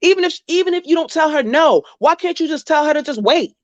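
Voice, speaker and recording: Talking fast with lively intonation and a high voice, a woman vlogger scolds the subject of her casual reaction commentary to their face, bluntly and profanely. The audio is muffled but has no echo.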